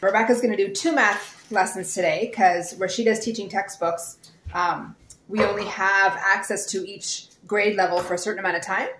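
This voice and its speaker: Chatty homeschooling mom vlogging. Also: female voice, mid-range voice, steady tone, normal speed, a bit bright, a little hiss or hum. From Nova Scotia, Canada. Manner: chatty, easygoing. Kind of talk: casual vlog narration.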